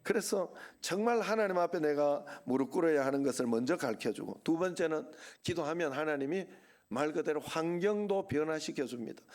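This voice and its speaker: Middle-aged male pastor, Gyeongsang accent, slightly high voice, chatty sermon delivery with rhetorical questions. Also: a little mellow. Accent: Gyeongsang Korean. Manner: conversational preaching with rhetorical questions and asides. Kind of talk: Sunday sermon.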